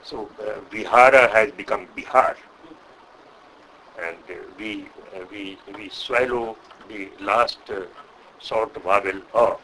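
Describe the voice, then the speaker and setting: Older Indian man, bright lecturing voice. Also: on the low side, little pitch movement, a little hiss or hum, rough recording. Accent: Indian English. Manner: measured, hesitant with frequent uh, lecturing. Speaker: Sanskrit scholar. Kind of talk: interview answer.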